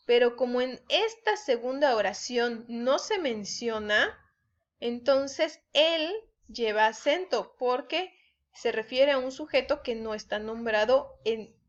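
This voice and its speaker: A woman's voice: fairly high pitch, slow. A woman teaching spelling rules to students, patiently checking in and acting out example sentences. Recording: dull lo-fi recording.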